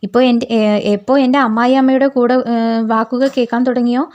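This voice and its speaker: A woman reading a sharp-tongued young woman. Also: a little high, level tone, quick pace, lo-fi sound, lightly acted. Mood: indignant. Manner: sharp, retorting.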